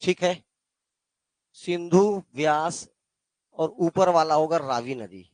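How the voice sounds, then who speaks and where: His voice is a little high and a little mellow, and he takes it slowly in a dry recording. The male teacher, who has a Chhattisgarh Hindi accent, runs a geography lesson with call-and-response quizzing and addresses students as "beta."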